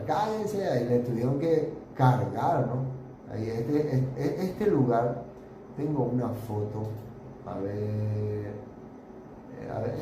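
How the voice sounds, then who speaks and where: A man leading an informal Bible study, explaining in a chatty, searching way with many fillers while pointing out pictures. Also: fairly low pitch. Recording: roomy echo with steady background noise.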